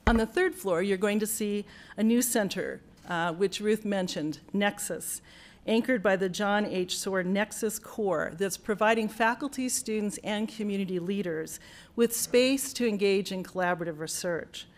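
A woman's voice: mid-range voice, moderate pace. A woman speaking as a college leader at a building dedication in a university auditorium, earnest and grateful, with frequent fillers and restarts. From United States. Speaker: college dean giving a dedication speech. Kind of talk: formal ceremony speech.

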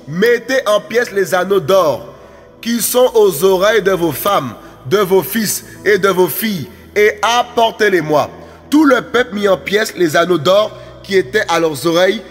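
A man preaching a sermon, emphatic and repetitive, dropping his voice low on asides. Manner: emphatic, repeats phrases, drops low on asides; speaks briefly in tongues. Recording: long reverb with faint music behind.

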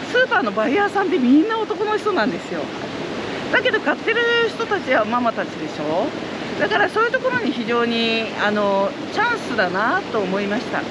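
A middle-aged Japanese woman who runs a trout farm is interviewed outdoors beside the fish ponds. She talks in a lively, chatty, earnest way with many fillers. Her fairly high voice comes through a very noisy recording.

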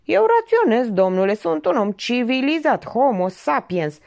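A woman's voice: a little high, big pitch swings, creaky, darkish tone, pitched above the performer's own voice. A woman voicing a smug, self-assured middle-aged barber who lectures as if he alone reasons, in an audiobook. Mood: lecturing. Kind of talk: audiobook character reading.

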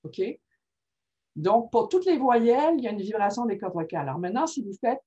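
Leading a workshop on reading disorders, this woman talks fairly fast in a high, slightly rough voice. Her delivery is informal and energetic, peppered with frequent "ok?" check-ins to her audience, and the audio is muffled and lo-fi.

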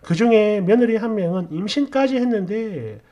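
A man reading a first-person story aloud in a high, lively voice, indignant and full of rhetorical complaints. His pitch rises and falls a lot as he vents. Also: normal speed. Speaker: story narrator.

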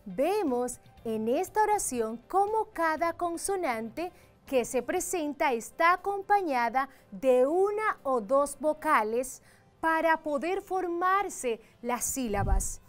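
A woman with a Dominican Spanish accent teaching a televised grammar lesson, enunciating each word slowly and carefully. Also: high voice, expressive, soft background music.

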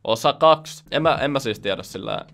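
A man's voice: mid-range voice, lively intonation, vocal fry, a bit bright, slight background noise. A young man hosting a reaction video, talking casually with profane, mocking sarcasm.

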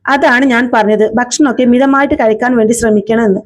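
Brief: a woman doing a stern doctor, measured, lecturing, high voice. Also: fairly even intonation, lightly acted.

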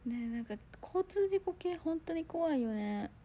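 A young woman chatting casually on a solo livestream, reading viewer comments and telling a story with loud outbursts and hushed asides. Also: very high voice, lively intonation, normal speed, a little hiss or hum. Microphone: phone or computer mic on a solo livestream.

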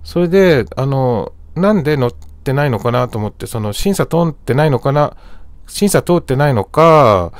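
A middle-aged man speaks as a caller making an inquiry. His pitch is mid-range and moves up and down freely. He talks haltingly and often searches for his words. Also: expressive. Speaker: caller to a government help line. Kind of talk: casual, hesitant spoken phone inquiry.

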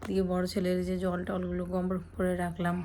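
Young woman, chatty home vlogger, soft-spoken, light background hiss. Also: lowish voice, monotone, fairly quick. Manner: soft-spoken, chatty, addresses viewers directly. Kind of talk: casual vlog narration.

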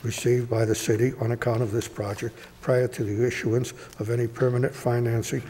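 A mid-range male voice works through a city council agenda, reading each item in measured, steady tones into a desk mic. The wood-paneled chamber makes the recording reverberant, with a faint hiss.

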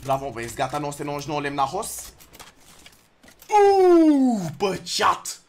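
A young man streaming a video game live, talking to his chat in bursts and shouting at opponents. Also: fairly high pitch, expressive. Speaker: gaming streamer. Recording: noisy background.

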